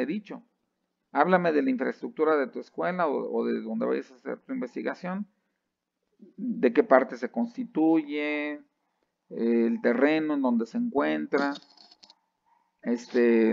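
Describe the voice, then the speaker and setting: Gravelly man giving a lecture. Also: medium pitch, no room sound. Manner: lively, asks the class "¿sí?" often, many restarts. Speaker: university lecturer. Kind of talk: classroom lecture. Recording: dry, slightly dull sound.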